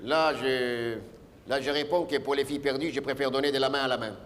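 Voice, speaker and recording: A man's voice: mid-range voice, fairly even intonation, fairly quick. An older man performing a comic stage monologue, rambling and grumbling, with constant asides to the audience. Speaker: comedian. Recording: live stage recording with long reverb and faint noise.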